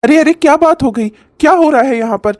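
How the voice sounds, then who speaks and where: A woman gives voice to a torn young husband in a cartoon comedy, pleading gently. The voice is high and sounds dry and close. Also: fairly quick, no room sound, natural voice.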